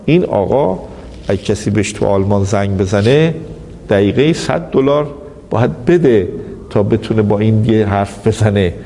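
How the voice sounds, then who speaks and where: Male lecturer, anecdotal storyteller, mellow voice, faint room noise. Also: fairly low pitch. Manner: storytelling, animated quoting of others. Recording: reverberant hall, faint background noise.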